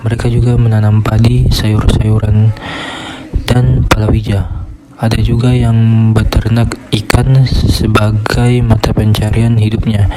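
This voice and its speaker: A young man, a student, reading his class presentation in a steady, scripted way. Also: fairly low pitch, a little slow, noisy background. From Indonesia. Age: young adult. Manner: steady, reads from a script in a flat tone.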